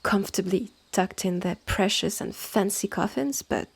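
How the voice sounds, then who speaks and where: In a close, measured, scripted second-person audio roleplay, a French-accented woman plays a stern, haughty witch innkeeper who is sardonic and impatient. Her medium-pitched delivery is creaky and partly hushed, condescending and deliberate, with clipped phrases and exasperated sighs that lend an ominous mood.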